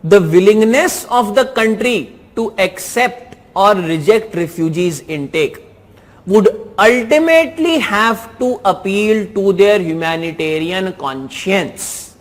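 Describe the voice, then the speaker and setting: A man's voice: sits high, animated, takes it slowly. A man with an Indian English accent reviewing exam answers in a lesson, repeating key phrases for emphasis. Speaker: teacher.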